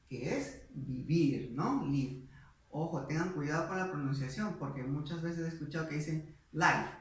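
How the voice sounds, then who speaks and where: A man teaching an English lesson to a class, speaking slowly and patiently and asking the students questions. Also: fairly high pitch. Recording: echoey, mic far away.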